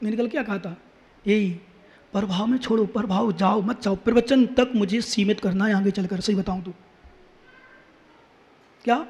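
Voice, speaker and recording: High-voiced preaching man in a reverberant hall. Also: steady tone, normal speed, long pauses, darkish tone. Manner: emphatic, repeats key phrases, asks rhetorical questions. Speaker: Jain monk preacher. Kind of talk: sermon with chanted scripture verses.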